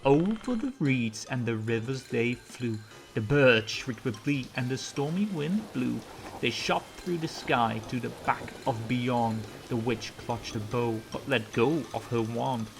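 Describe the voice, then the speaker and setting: A woman storyteller reading a children's story aloud in an animated narration style. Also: extremely low pitch, a little slow, vocal fry, poor audio.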